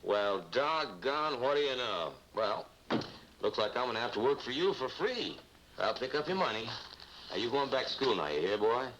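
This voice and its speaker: An actor playing an easygoing, kindly American private detective with a folksy, teasing manner in a 1950s TV drama. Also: male voice, medium pitch, big pitch swings, normal speed, fairly bright tone, highs cut off. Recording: noisy vintage TV soundtrack.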